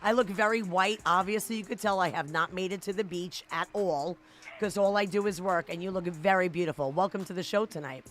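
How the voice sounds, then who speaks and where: A woman hosting a live talk show, effusive and chatty, full of shout-outs. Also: fairly low pitch, a little fast, slight background noise. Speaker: radio show host.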